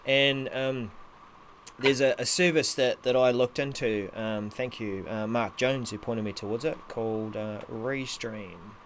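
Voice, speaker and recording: A man's voice: mid-range voice, fairly even intonation, a little slow, fairly bright tone. A man co-hosting a casual tech show, hesitant and thinking aloud. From New Zealand. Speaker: co-host of a live tech show. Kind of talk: casual unscripted tech chat. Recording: noisy, rain drumming on roof behind. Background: heavy rain on the roof.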